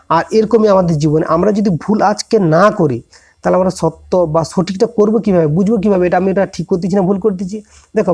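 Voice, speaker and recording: A man with a fairly high voice, an online tutor, gives students a relaxed, informal moral talk meant to motivate them. He speaks to them directly and conversationally, frequently breaking off, correcting himself, and restarting sentences as he works through his point.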